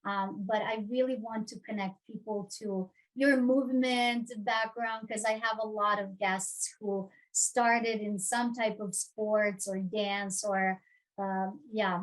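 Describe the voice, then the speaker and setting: A woman's voice: mid-range voice, steady tone, unhurried, poor audio. A woman from Serbia in her thirties hosting a casual interview, chatty, with many fillers and restarts. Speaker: host.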